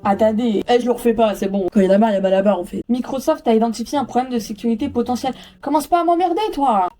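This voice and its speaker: Recording in her bedroom, a student vlogger in young adulthood talks casually, with frequent swearing and self-deprecating jokes. She speaks quickly in a fairly high, mellow voice with fairly even intonation.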